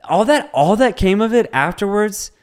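A man's voice: high voice, normal speed. A man co-hosting a casual sports podcast, telling a story with lots of laughs and swearing and acting out what people said. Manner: animated storyteller, acts out quotes, laughs often, swears. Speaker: podcast co-host.

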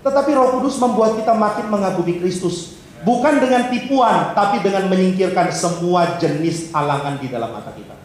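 A man preaching a sermon in a high voice, playful and animated as he acts out little exchanges between characters. His words ring through a very echoey church hall. A faint hiss sits under the recording. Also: fairly quick. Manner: humorous, acts out little dialogues in changed voices. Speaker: pastor.

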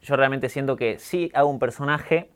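A young man from Argentina with a neutralized Argentine accent, talking calmly and candidly as a guest in an interview. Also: medium pitch, normal speed, clean tone. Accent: neutralized Argentine Spanish. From Córdoba, Argentina. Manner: calm, reflective, candid. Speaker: guest, YouTuber. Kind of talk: casual interview talk.

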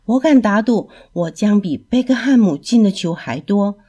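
A woman's voice: mid-range voice, moderate pace, slightly rough. A woman voicing a hasty, boastful young male rabbit in a storybook reading. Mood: excited. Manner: excitable, brash.

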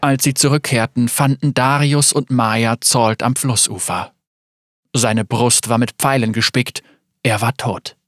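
A man narrating a dramatic story in a measured, scripted reading. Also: mid-range voice, steady tone, dry recording, clean studio sound.

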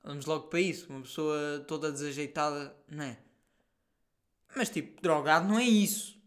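A young man with a European Portuguese accent tells stories on his casual solo podcast, animated and slangy, sprinkling in fillers and an occasional swear word. He speaks briskly in a slightly high voice.

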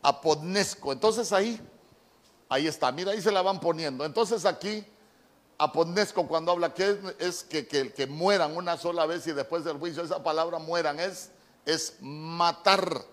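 A male pastor preaching a sermon, slow and deliberate, repeating key words as he teaches from the Bible. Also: a little high, fairly bright tone. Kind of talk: sermon with Bible word study.

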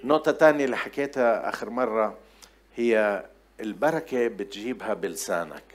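A man preaches a sermon in a low voice. He talks in a loose, conversational way, breaking off and restarting as he tells stories to his congregation. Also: a little fast. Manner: storytelling, conversational with many restarts. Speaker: pastor.

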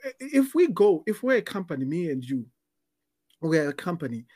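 A man's voice: on the high side, big pitch swings, normal speed, darkish tone, no room sound, clean studio sound. A man co-hosting a casual podcast, explaining dating advice with business analogies, often restarting words.

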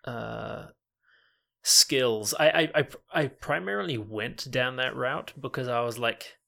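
Speaking slowly, the same kind of speaker comes through with a medium-pitched voice that is creaky, pushed and bright. He's a New Zealander and online gamer guesting on a podcast, chatting about himself casually, with frequent laughter and restarted sentences.

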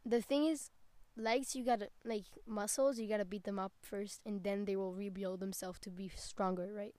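A woman's voice: medium pitch, fairly even intonation, moderate pace, dark tone, no echo. A young woman co-hosting a casual podcast, rambling with lots of "like" and stopping to correct herself. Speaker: podcast co-host. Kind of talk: casual chat.

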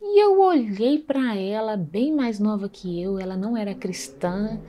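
Woman, mid-pitched, earnest storyteller, relays a faith testimony conversationally and checks in with listeners. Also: expressive, a little slow, mellow, slight background noise. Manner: earnest, conversational, acts out dialogue, frequent tag questions. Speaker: speaker sharing a faith testimony.

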